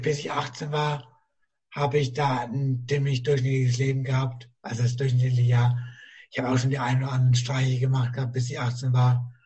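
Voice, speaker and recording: Man with a rough, strained voice. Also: medium pitch, mellow, dull audio. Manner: halting, repeats himself. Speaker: interview guest. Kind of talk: casual interview talk.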